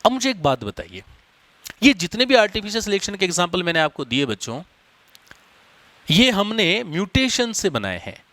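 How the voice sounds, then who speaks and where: A man's voice: sits high, sing-song, moderate pace, long pauses, bright, forceful tone, no echo. A man teaching a biology lesson, explaining step by step and addressing his students as children. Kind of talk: classroom biology lecture.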